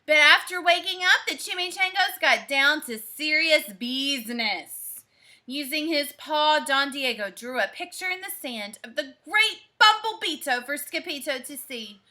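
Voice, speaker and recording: A woman teacher reading a picture book aloud to children, expressive and pausing to explain things. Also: sits high.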